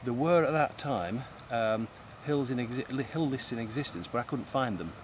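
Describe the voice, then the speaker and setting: An older man speaks thoughtfully and precisely, sometimes breaking off a word to restart it. He is recorded outdoors, and clear traffic and street noise run behind his voice. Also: medium pitch, normal speed. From East Lancashire, England. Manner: thoughtful, precise, restarts words mid-phrase. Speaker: guest. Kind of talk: conversational interview.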